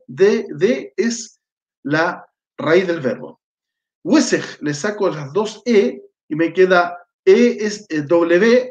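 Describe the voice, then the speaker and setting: A man teaching a live online language lesson, spelling out words slowly and patiently and often checking that students follow. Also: high-pitched. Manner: slow, patient spelling out of letters and words, frequent checking "¿cierto?". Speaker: Arabic teacher. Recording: echoey, dull lo-fi room sound.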